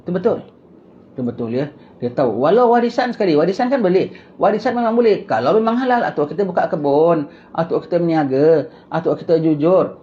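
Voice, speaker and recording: A man from Singapore, a religious teacher giving a lecture. He reads slowly from a book, then explains it in casual asides full of rhetorical questions. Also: fairly high pitch, lively intonation, muffled recording.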